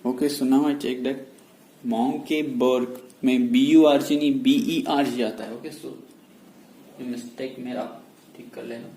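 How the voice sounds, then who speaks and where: A man giving a medical lecture in a mix of Hindi and English. He explains slowly and repeats key terms. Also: medium pitch, fairly even intonation, mellow. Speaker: medical teacher. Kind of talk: whiteboard lecture. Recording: echoey room with faint noise.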